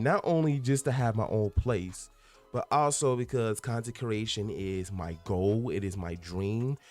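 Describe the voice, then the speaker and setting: A man's voice: medium pitch, a little mellow. A man in his twenties hosting a casual solo podcast from a room at home, talking earnestly and rambling, often restarting and repeating himself for emphasis. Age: 20s. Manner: earnest and candid, with bursts of laughter. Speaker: podcast host. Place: room at home among packed boxes.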